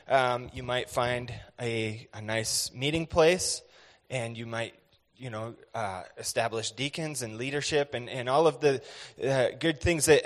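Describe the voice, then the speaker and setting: A man's voice: medium pitch, fairly bright tone. An American man in his thirties giving a church missions presentation, earnest and conversational with many fillers. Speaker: missionary speaker. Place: church sanctuary. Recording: echoey hall with long reverb.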